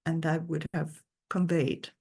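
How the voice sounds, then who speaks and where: A woman's voice: sits low, level tone, measured pace, gravelly, warm tone, slightly rough. A woman guest lecturer giving an earnest, thoughtful academic talk over a video call.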